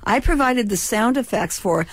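Expressive and on the high side, her voice moves at normal speed with no room sound. She's a former child actor from California in her sixties, lisping slightly as she chats and jokes in a relaxed radio interview.

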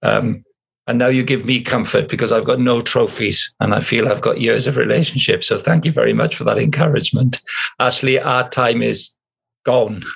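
A male podcast host closes the interview in a playful way, thanking his guest. His voice is gravelly and husky. He speaks at an ordinary pitch. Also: steady tone, normal speed, fairly bright tone. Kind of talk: interview wrap-up.

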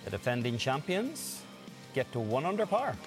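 A man giving golf commentary and analysis as a co-commentator, in a measured, analytical way. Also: mid-range voice, very animated, music in the background.

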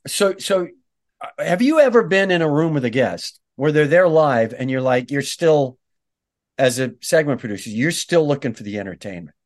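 A man hosting a podcast, asking questions in a relaxed, conversational way and joining in with jokes. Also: a little high, normal speed. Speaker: podcast host. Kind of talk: casual interview chat.

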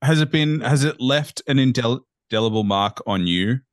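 A man's voice: medium pitch, moderate pace, no room sound, studio quality. A man hosting a podcast interview, asking thoughtful, probing questions in a casual manner. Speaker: podcast host.

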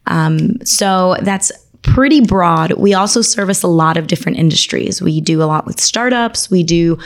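Articulate, fairly low-voiced woman attorney. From Argentina. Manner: articulate, enthusiastic, lists things quickly. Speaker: attorney, podcast guest. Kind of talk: conversational interview.

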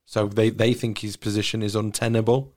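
Lower-pitched man hosting a football podcast. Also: little pitch movement, fairly quick. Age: 30s. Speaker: podcast host.

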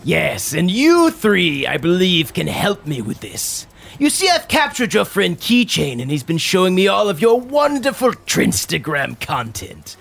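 A man's voice: sits high, huge pitch swings, unhurried, creaky, fairly bright tone, pitched above the performer's own voice, exaggerated voice. A man voicing a theatrical, smugly polite villain with a grandiose manner in a tabletop game. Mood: smug, menacing. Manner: grandiose, mock-courteous.

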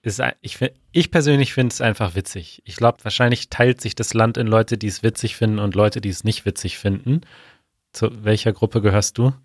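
A man co-hosts a podcast in an easygoing, casual way and often pauses with fillers. He is recorded on a close mic with a dry, dead sound. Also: fairly low pitch, steady tone, no echo. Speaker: podcast co-host. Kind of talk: casual chat.

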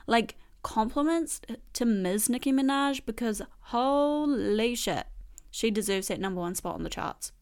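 A young woman, her voice sitting a little high, chats through a casual song countdown. She talks in an animated, slangy, gushing way. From New Zealand. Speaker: host.

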